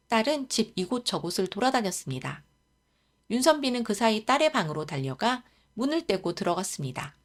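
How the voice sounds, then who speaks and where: Woman narrating a folktale, lively pitch. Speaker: storyteller.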